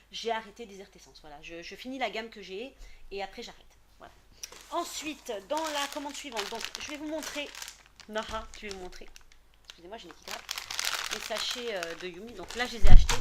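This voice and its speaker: Woman in her 30s, vlogger, chatty and halting, mid pitch, noisy home recording with crinkling packaging. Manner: chatty, hesitant, many fillers and restarts. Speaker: beauty vlogger. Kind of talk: casual haul video.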